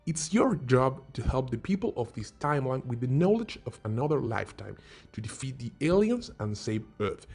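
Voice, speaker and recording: Over background music, a man with a medium-pitched, darkish, slightly breathy voice narrates a scripted top-five video game countdown. He hosts it like a casual explainer, asking questions and then answering them himself.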